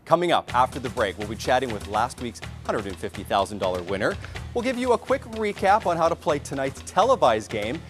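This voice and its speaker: A man's voice: mid-range voice, sing-song, a little fast. A man presenting a live TV bingo show as co-host in a polished, upbeat announcing style. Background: music behind the voice.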